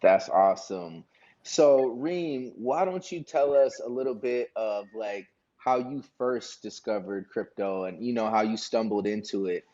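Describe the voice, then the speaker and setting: A man's voice: on the low side, measured pace, warm tone, muffled recording. A man hosting a casual interview show, upbeat and slangy, talking straight to his audience. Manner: hyped, slangy, addresses audience as y'all. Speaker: podcast host.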